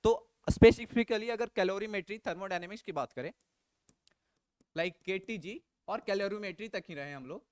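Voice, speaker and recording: A man's voice: high-pitched, measured pace, darkish tone, smooth, dry recording. A man teaching physics, going through an exam analysis and repeating his key advice with emphasis.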